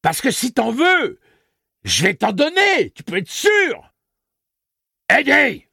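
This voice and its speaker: A man's voice: very high voice, very animated, a little slow, fairly bright tone, dry recording, clean studio sound, voice pushed up, exaggerated voice. Man shrieking as a vicious screaming woman. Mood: furious. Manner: shrieking, taunting, crude.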